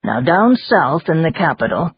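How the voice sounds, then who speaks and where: A narrator voicing a gruff, plainspoken older man who talks slowly and emphatically, in an audiobook. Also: mid-range voice, very animated, full character voice. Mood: emphatic. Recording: dull lo-fi audiobook recording.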